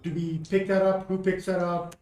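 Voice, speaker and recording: A man's voice: sits high, level tone, moderate pace, darkish tone, a little hiss or hum. A man playing a tabletop game, chatting casually and hesitantly as he thinks aloud about his moves. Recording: echoey room, faint music behind.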